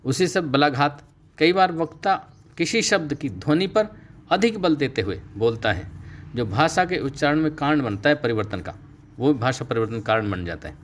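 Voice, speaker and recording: Man giving a steady lecture. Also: mid-range voice. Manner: steady explanatory delivery, slows to stress key terms. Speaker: Sanskrit teacher. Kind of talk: recorded online lecture.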